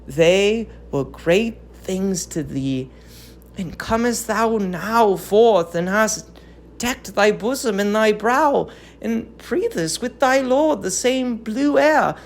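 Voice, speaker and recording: A woman performs an aged queen from Greek tragedy who grieves and accuses, pleading with impassioned, bitter scorn. Her delivery is slow and declamatory with a touch of creak, pitched in the middle range and animated.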